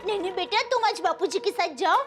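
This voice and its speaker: An actress playing a sweet, devoted housewife who talks eagerly and deferentially in a sitcom. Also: female voice, very high-pitched, fast. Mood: soothing. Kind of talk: sitcom acting. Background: music.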